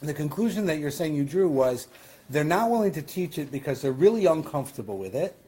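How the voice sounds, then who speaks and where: A man's voice: a little high, big pitch swings, fairly quick, mellow, husky. A man with a Western New York accent teaching a Talmud class as rabbi, explaining in a conversational way with questions and asides. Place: synagogue classroom.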